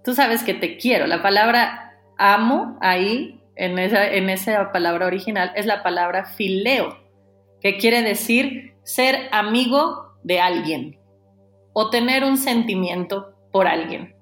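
A woman preaching a sermon, animated, acting out the dialogue in a lowered voice. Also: slow, reverberant, soft background music.

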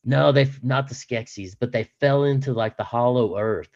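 A middle-aged man co-hosting a podcast, talking haltingly with many pauses and fillers. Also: medium pitch, a little mellow, no room sound, dull audio. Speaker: podcast co-host. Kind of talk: casual chat.

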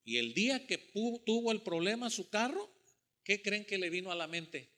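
A man's voice: high voice, very animated, normal speed, pushed and bright. A man preaching a sermon to his congregation, telling a story and acting out the voices of people in it. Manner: storytelling, addresses congregation as brothers, acts out quoted voices. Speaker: pastor.

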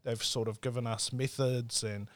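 A man's voice: medium pitch, flat delivery, moderate pace, no echo. Young New Zealand man, Māori English accent. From South Auckland, New Zealand. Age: 20s. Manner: laid-back, earnest, colloquial. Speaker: podcast guest, entrepreneur. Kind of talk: casual interview chat.

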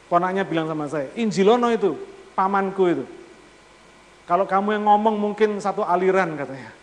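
High-voiced preacher in a reverberant hall. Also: male voice, a bit bright. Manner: addresses congregation often with rhetorical questions; mixes formal speech with casual slang. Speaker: pastor. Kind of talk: sermon.

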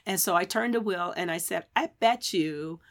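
A woman co-hosting a faith podcast, chatting casually and telling an animated story. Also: lowish voice, moderate pace. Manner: animated storyteller, bursts into loud laughter. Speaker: podcast co-host. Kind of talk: casual chat. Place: live-streamed podcast session.

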